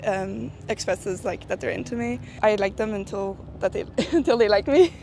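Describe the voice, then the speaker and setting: A woman from Norway, interviewed on camera, answering candidly with laughs and hesitant pauses. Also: medium pitch, a little hiss or hum. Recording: interview clip with loud music behind.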